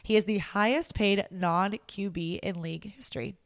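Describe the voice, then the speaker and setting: A woman's voice: medium pitch, normal speed, no room sound. A woman hosting a weekly sports news roundup in a chatty, amused way, laughing between stories.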